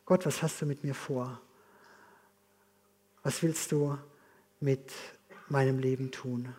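A man's voice: mid-range voice, fairly even intonation, takes it slowly, breathy edge. A man preaching a sermon and leading his congregation in prayer, earnest and direct. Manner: earnest, leads the congregation in a spoken exercise; softens to a hushed prayer. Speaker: pastor.

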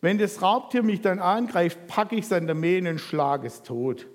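Male preacher, slightly high voice, lively storytelling sermon, long hall reverb. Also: measured pace. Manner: lively storytelling, asks the congregation questions. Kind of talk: sermon reading and retelling scripture.

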